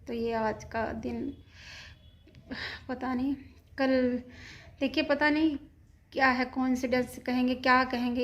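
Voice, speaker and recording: A woman vlogging from her home kitchen, talking to her viewers in a shaken, anxious way. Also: fairly high pitch. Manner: shaken, retelling a scare at length, anxious. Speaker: vlogger, mother. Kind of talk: casual home vlog, talking to camera.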